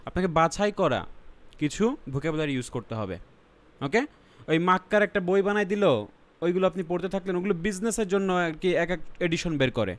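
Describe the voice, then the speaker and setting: A man's voice: sits high, animated, a little fast. A man with a Bangladeshi accent teaching an online exam-prep lesson, explaining step by step, mixing English terms into his talk and often checking that students follow. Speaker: IELTS teacher.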